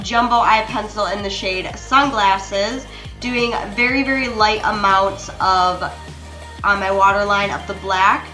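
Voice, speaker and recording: A young woman narrating a makeup tutorial in a chatty, apologetic way, talking straight to her viewers. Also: mid-range voice. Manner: chatty, apologetic, addresses viewers as you guys. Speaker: beauty vlogger. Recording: roomy echo with soft music behind.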